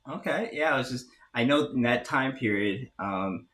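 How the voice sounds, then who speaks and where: A man's voice: medium pitch, lively intonation, moderate pace, fairly bright tone. A man hosting an interview, asking friendly, curious questions. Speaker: host.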